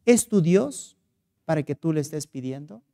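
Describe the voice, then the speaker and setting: A man's voice: on the high side, expressive, moderate pace, vocal fry, warm tone. A man with a Peruvian Spanish accent, preaching a sermon as pastor. He asks earnest rhetorical questions and tells stories.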